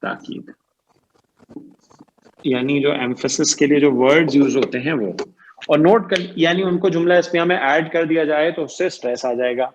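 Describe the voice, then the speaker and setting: A man's voice: a little high, lo-fi sound, background noise. A man teaching Arabic grammar in an online lecture. He stretches out key terms and keeps quizzing his students. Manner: repeats "ٹھیک ہے جی" and "صحیح ہے جی" often.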